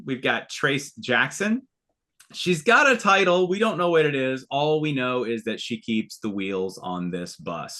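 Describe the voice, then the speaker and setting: Breezy bright-voiced male webinar host. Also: mid-range voice. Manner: breezy and joking. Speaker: host introducing guests. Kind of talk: casual webinar hosting.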